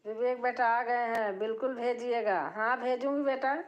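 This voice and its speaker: A woman's voice: a little high, steady tone, moderate pace, highs cut off. An older woman chatting casually with viewers on her live stream at home, breaking now and then into folk song. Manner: chatty, warm-hearted, breaks into folk singing.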